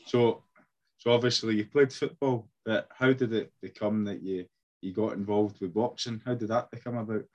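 Man, host, chatty, encouraging, lowish voice. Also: fairly even intonation, normal speed, darkish tone, lo-fi sound. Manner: chatty, encouraging short replies. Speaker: interview host. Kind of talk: casual interview questions.

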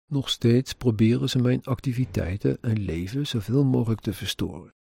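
A man's voice: medium pitch, normal speed, creaky, darkish tone, husky, dry recording, clean studio sound. A man earnestly narrating his own experiences in a personal account, with an indignant edge.

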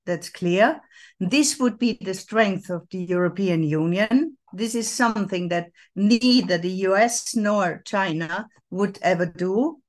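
A woman speaking as a panelist in a live policy debate, halting and searching for her words. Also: medium pitch.

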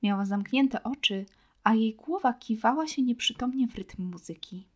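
Soft-spoken woman narrating a storybook. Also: a little high, expressive, normal speed. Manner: soft, often near whisper.

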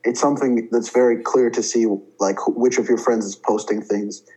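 A man's voice: mid-range voice, steady tone, moderate pace, darkish tone, husky, low-quality recording. A young man from India, a student guest, talking thoughtfully with fillers and restarts. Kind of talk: casual interview talk.

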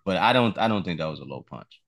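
A man hosting a podcast, chatting casually with slangy, relaxed talk and frequent restarts. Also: low-pitched, fast. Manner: relaxed, slangy, repeats words while thinking. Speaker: podcast host. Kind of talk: casual interview chat.

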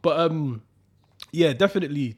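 A man's voice: a little high, lively intonation, normal speed. A young man with a London accent, chatting casually in slangy roadman talk. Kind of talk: casual chat.

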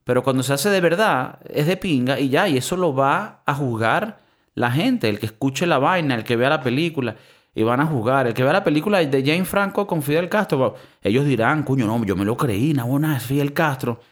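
Speaking in a mid-range voice at a moderate pace, a man with a Venezuelan Spanish accent co-hosts a podcast. The talk is loose and slangy, full of swearing, and he sounds animated.

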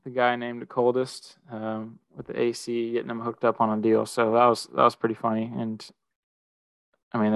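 A man hosting a casual sports podcast, talking in a measured way with lots of "um" and "I mean". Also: medium pitch, no room sound. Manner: measured, even, filler-heavy. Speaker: podcast host.

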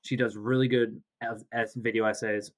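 A man's voice: fairly low pitch, level tone, moderate pace. A man hosting a podcast from home with a sore throat, chatting casually, rambling and correcting himself as he jokes. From Canada. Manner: rambling, self-correcting, joking. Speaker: podcast host. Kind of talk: casual chat. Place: home, recording remotely. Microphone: home mic, video call.

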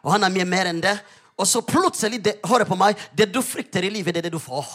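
Pastor, male, high voice, lively storyteller, emphatic sermon delivery.

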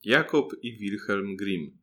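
A man reading a fairy tale aloud as an audiobook narrator, with a measured storytelling cadence. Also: lowish voice, expressive, sharp tone. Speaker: audiobook reader.

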